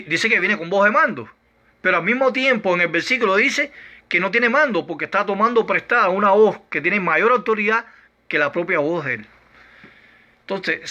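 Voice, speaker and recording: A man giving a doctrinal Bible lesson, arguing point by point through numbered rhetorical questions in a slow, emphatic delivery. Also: sits high, pushed and bright. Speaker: Bible teacher.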